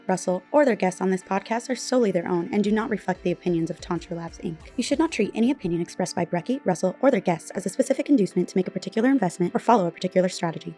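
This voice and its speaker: Woman announcer, scripted disclaimer, very fast, faint music behind. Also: medium pitch, breathy edge. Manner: rapid, even delivery.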